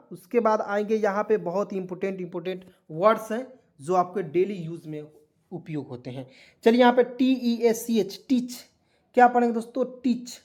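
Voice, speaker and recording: A man with a high, slightly mellow voice teaches an English vocabulary lesson. He drills the words, repeatedly asking his viewers what each one means and then repeating the answer.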